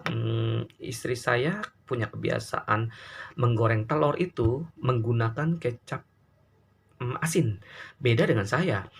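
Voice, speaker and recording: A man's voice: medium pitch, fairly bright tone, breathy edge. A middle-aged man from Indonesia, a pastor preaching a sermon and telling stories to his congregation. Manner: storytelling, addresses congregation directly, frequent fillers.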